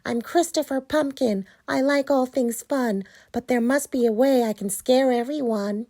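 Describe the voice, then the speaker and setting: Woman doing a high bubbly pumpkin boy. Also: measured pace. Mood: worried. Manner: bright, bouncy, eager. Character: cheerful friendly boy pumpkin, sweet and upbeat.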